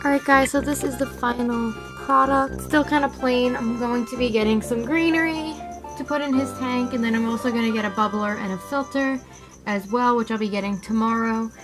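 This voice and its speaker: A young woman giving a relaxed, chatty DIY tutorial with lots of filler words, sitting on her living-room floor and recorded by a camera a few feet away. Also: on the high side, low-quality recording. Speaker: pet care vlogger.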